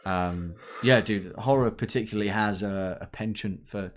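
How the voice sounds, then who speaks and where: A man's voice: lowish voice, moderate pace. A man co-hosting a live stream, answering viewer questions in a rambling casual chat. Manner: rambling, full of restarts and fillers.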